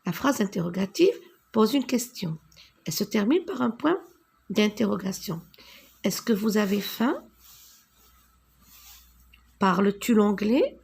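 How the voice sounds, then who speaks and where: A woman teaching a grammar lesson to children, patient and deliberate, spelling out each answer as she writes it. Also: mid-range voice, animated, vocal fry, a little mellow, husky. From North Africa. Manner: slow, patient, spells out answers while writing.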